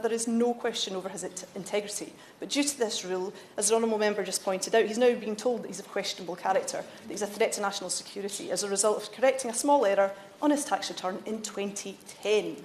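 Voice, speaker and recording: A woman delivers a parliamentary debate speech at a brisk clip. She argues earnestly and insistently, often catching and correcting herself, over faint background noise. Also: mid-range voice, darkish tone, roomy sound. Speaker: member of parliament leading a debate. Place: debating chamber.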